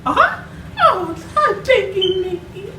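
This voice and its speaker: A man voicing a sweet, squeaky female cartoon mouse in a giggly falsetto, recorded in an echoey room from a distance. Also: very animated, slow pace, background noise, exaggerated voice. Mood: giddy. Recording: roomy, distant mic.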